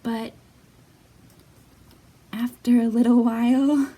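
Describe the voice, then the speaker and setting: A children's library storytime host reads aloud and leads sing-alongs and activities, speaking to young kids in simple, encouraging words. Her voice is a little high and warm, though her delivery is flat and slow. The mic is distant, with faint background noise.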